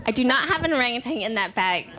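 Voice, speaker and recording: A woman's voice: on the high side, expressive, quick pace, sharp tone, a little hiss or hum. A woman doing comic street interviews as a field correspondent, playful and chirpy. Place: conference hall crowd.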